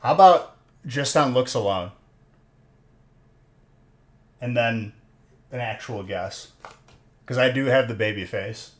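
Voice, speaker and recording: With an unhurried pace and a mid-range voice, a man in his thirties chats casually on his live stream. He opens card packs and teases viewers in good-humored banter.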